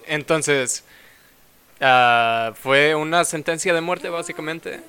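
A man in a casual chat, talking slowly with hesitations. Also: fairly high pitch, sharp tone, slight background noise. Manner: slow, deliberate, hesitant. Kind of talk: casual chat among friends.

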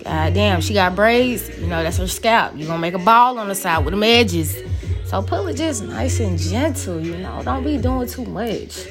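A young woman hosting a podcast, talking in a loose, frank way, laughing often and swearing freely. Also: lowish voice. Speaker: podcast host. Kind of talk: casual frank talk. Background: background music.

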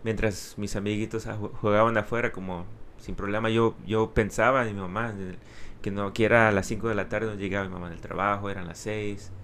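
A man tells personal stories casually, halting and restarting words, now and then slipping into Spanglish. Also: lowish voice, level tone, a bit bright, a little hiss or hum. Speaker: interview guest.

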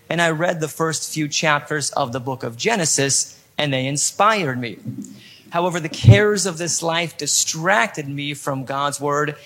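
A man's voice: fairly high pitch, bright, forceful tone. A man in his thirties from Poland with an American accent, earnestly telling his personal testimony with dry asides. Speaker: podcast host giving testimony. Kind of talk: read-aloud personal testimony.

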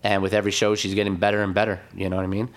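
A man with a hoarse, raspy throat, chatting casually as a DJ guest and giving hyped, slangy shout-outs. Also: lowish voice, completely flat delivery, very fast. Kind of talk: casual podcast chat.

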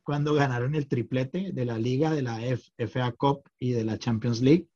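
Middle-aged man, podcast guest, halting delivery, lo-fi recording. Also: mid-range voice, mellow. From Colombia. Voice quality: hesitant, many fillers and restarts. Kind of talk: casual chat.

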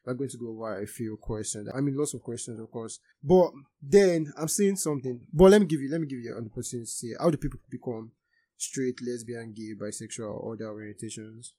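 A man's voice: mid-range voice, quick pace, mellow, dry recording. A young man with a Nigerian Yoruba accent hosting a casual podcast. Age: young adult. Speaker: podcast host.

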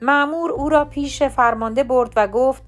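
Woman narrating scripture, calm and measured. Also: high voice, soft background music. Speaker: Bible reader.

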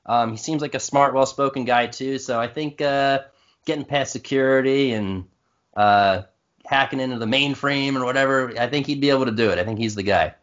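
A man's voice: mid-range voice, brisk, fairly bright tone. A man co-hosting a casual podcast chat, laid-back and full of fillers, laughing often. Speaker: podcast co-host. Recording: slightly dull podcast audio.

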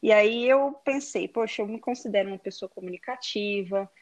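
A woman's voice: mid-range voice, brisk, lo-fi sound. A woman in her thirties with a Minas Gerais Brazilian accent, a podcast guest chatting casually with many fillers and restarts. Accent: Brazilian Portuguese, Minas Gerais. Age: 30s. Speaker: guest, digital influencer. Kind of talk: casual interview chat.

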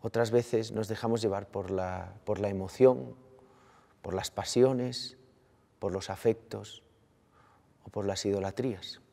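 A man, a priest from Colombia, giving an earnest, slow-paced Sunday sermon and addressing his listeners as brothers. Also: on the low side, fairly even intonation, vocal fry, mellow, long reverb tail.

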